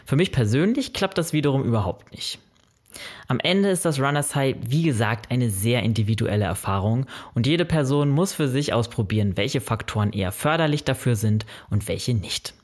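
A man's voice: mid-range voice, expressive, normal speed. A man presenting a scripted explainer on running, speaking directly to the viewer in a friendly, informative way and working through numbered tips. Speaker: running vlogger.

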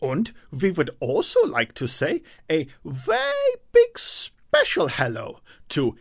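Excitable young pumpkin creature, comic and theatrical, slow pace, hugely swooping pitch, children's story podcast. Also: female voice, creaky, husky, heavily acted. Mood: grateful, excited. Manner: theatrical, wildly swooping delivery. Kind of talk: children's audio story character acting.

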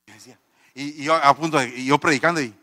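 A man's voice: on the high side, steady tone, quick pace, pushed and bright, in a large hall. A man, a pastor, giving a testimony sermon, telling the story with animation and acting out the people in it.

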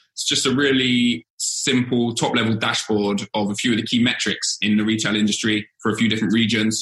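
A man with a fairly low voice explains charts in a steady, methodical way, restarting phrases as he goes. His tone is bright and forceful. The recording sounds echoey, like a bare room. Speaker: senior data scientist presenting a dashboard. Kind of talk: explaining data in a casual work chat.

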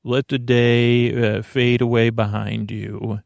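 Hosting a bedtime podcast, a middle-aged man speaks in a creaky, gravelly mid-range voice, his monologue wandering, halting, and repeatedly breaking off. The delivery is flat and the tone darkish, with no echo.

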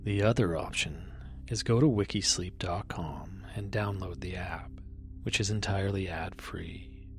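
Male sleep story narrator: very low, gravelly, hushed and calming, with clear music underneath. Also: moderate pace. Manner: hushed and calming, often trailing into breathy near-whisper.

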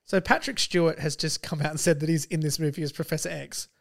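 A woman's voice: deep voice, fast talker, creaky. A woman with an Australian accent chatting casually and jokily about films as a podcast co-host, with plenty of slang and swearing. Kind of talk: casual film and pop-culture chat.

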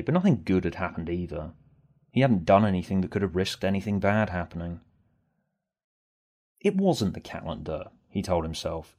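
An author narrates his own scripted story with music playing behind him. His voice is low-pitched with a darkish tone.

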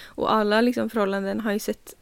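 Flat-voiced young woman with vocal fry. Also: mid-range voice, no room sound. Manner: reflective, supportive listener, many fillers. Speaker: podcast co-host. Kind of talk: casual chat.

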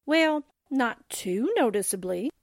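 In a full character voice, a woman performs a sardonic 1940s radio-drama newspaperwoman, teasing her way through slangy quips and sassy exclamations. She speaks slowly with lively intonation, her pitch on the high side, and the recording is clean studio audio without echo.

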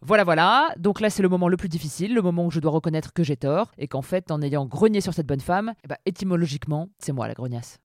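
A woman's voice: lowish voice, quick pace, hardly any pauses, no room sound, studio quality. A woman hosting a podcast, delivering a scripted comic monologue in a sardonic, playful, teasing manner. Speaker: podcast host.

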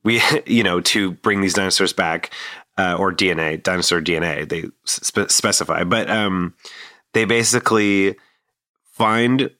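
A man's voice: low voice, a little slow, sharp tone, no echo, clean studio sound. A man in his thirties hosting a casual podcast, rambling with plenty of fillers and restarts. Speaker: podcast host.

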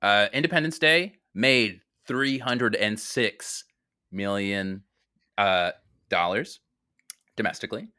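A man's voice: on the low side, takes it slowly, sharp tone, no echo, studio quality. A man co-hosting a casual comedic podcast, joking around while he runs a quiz game for his guests. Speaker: podcast co-host and quizmaster.

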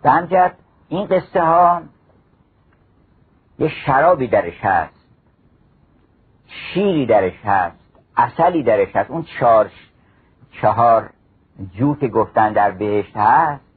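Husky-voiced man reciting verse over radio. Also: mid-range voice, lively intonation, pauses often. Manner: recites verse in a chanting cadence. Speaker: lecturer on mystical wisdom. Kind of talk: storytelling talk with recited classical poetry. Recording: phone-like narrow radio recording.

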